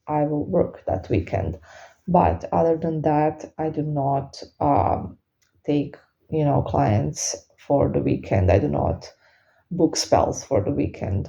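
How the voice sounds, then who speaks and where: A non-native English-speaking woman with a slight lisp from wearing retainers, talking off the cuff and haltingly to her followers, searching for words. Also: low voice, vocal fry, dark tone, dull audio. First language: not English. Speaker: spiritual reader and spellworker hosting a Q and A. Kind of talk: unscripted casual monologue to followers.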